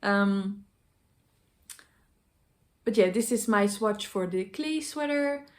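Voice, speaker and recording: Woman doing a casual hobby vlog, kinda hesitant, normal pitch, rain on the roof in the background. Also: lively intonation, takes it slowly. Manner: unscripted, hesitant show-and-tell. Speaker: knitting vlogger. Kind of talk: casual chat to viewers about knitting projects. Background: rain pouring on the roof.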